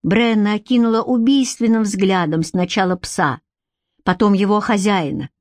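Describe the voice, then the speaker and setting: A woman narrating a romance audiobook in an even, measured storytelling manner. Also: mid-range voice, no echo, studio quality. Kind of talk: scripted narration.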